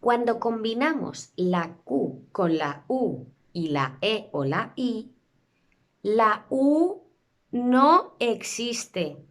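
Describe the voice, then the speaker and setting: Woman, Spain Spanish accent, patient language teacher, animated pitch, unhurried delivery. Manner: slow, careful modeling of sounds. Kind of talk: pronunciation lesson.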